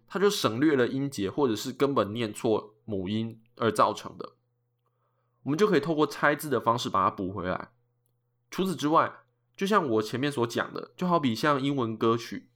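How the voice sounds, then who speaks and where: A man, methodically explaining a cappella singing technique in a calm lesson. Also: mid-range voice. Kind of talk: explanatory lesson with sung examples.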